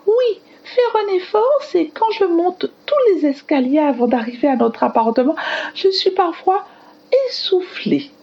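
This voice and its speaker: Woman playing a very high-pitched little schoolgirl. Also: animated, dull audio. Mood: earnest. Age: child character in primary school. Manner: childlike, halting, chatty. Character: little schoolgirl Philomène, eager and earnest. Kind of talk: scripted educational radio dialogue.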